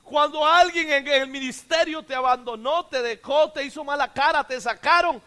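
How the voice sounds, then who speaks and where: A male pastor preaching a sermon, who swings from shouts to hushed quotes and has the congregation repeat his words. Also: extremely high pitch, moderate pace.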